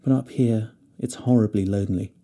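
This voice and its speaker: A man voicing an anxious young fir tree full of longing, asking eager questions that rise in pitch. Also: steady tone, moderate pace, warm tone, close to an everyday voice. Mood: lonely.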